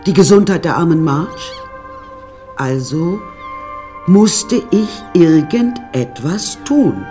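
In a radio drama, an actress with a lowish, warm voice plays a self-possessed young woman who narrates her story in a dry, measured way.

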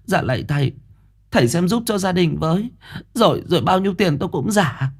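A woman's voice: fairly low pitch, expressive, a little fast, breathy edge, voice pushed up. Man doing a fawning, anxious rich mother. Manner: pleading, deferential.

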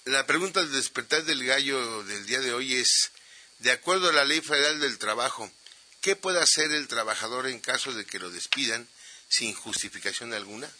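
Bright-toned man co-hosting radio. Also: medium pitch, normal speed, a little hiss or hum, rough recording. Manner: hesitant in chat, steady when reading. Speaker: radio co-host. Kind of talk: radio news commentary.

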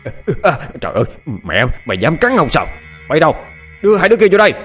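A man's voice: on the low side, lively intonation, moderate pace, soft background music, lightly acted. A man voicing a cruel, lecherous village official who orders people around and coaxes with false sweetness. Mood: enraged. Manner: domineering, threatening, then falsely sweet.

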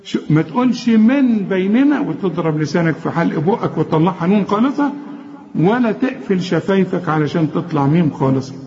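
A man with an Egyptian accent teaching the rules of Quran recitation, explaining each rule plainly and then chanting the verse slowly. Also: on the high side, expressive, darkish tone, dull audio. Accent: Egyptian Arabic. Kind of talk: tajweed lesson with recited examples.

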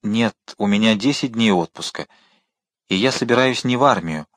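A man's voice: on the low side, animated, normal speed, fairly bright tone, no echo, clean studio sound. A man reading the part of an eager, respectful young viscount who speaks earnestly and politely.

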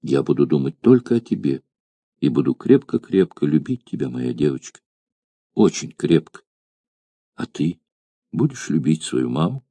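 A man's voice: very deep voice, sing-song, moderate pace, creaky, mellow, dry recording, pitched below the performer's own voice, exaggerated voice. A man reading an audiobook, voicing a grieving noble Roman mother who speaks with tearful, pleading tenderness. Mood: grieving tender.

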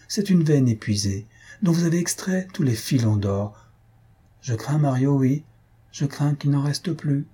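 Melancholy noblewoman from a storybook read by a man, husky and soft-toned, pleading and tired. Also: mid-range voice, animated, measured pace, pitched above the performer's own voice. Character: weary melancholy noblewoman longing for convent.

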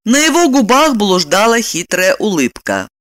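Expressive woman audiobook narrator. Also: mid-range voice, moderate pace, no echo, studio quality. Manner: lively, emotional storytelling.

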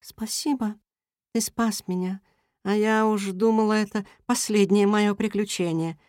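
A storyteller voicing a slender, tender mother cat in a children's audiobook, speaking softly. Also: mid-range voice, steady tone, measured pace, clean tone, dry recording, studio quality, voice pushed up, close to an everyday voice. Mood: relieved. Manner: soft and tender. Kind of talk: storybook reading.

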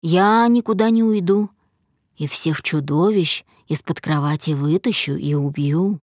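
A woman reading a controlling husband in a lowered, slow, stern voice for an audiobook. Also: darkish tone, dry recording, studio quality. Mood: soothing. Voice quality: low, measured, slow and stern. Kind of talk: audiobook character voice.

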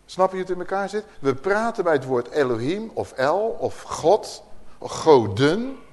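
A man gives Bible teaching to a listening room. His voice sits a little high and moves up and down a great deal. He reads verses out with strong emphasis and keeps asking his hearers questions. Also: normal speed. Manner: lively, asks the audience questions, reads scripture with emphasis. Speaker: preacher. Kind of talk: Bible teaching to a live audience.

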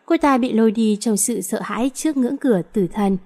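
A woman narrating a romance novel in a steady, even reading voice. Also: on the high side, brisk. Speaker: audiobook narrator.

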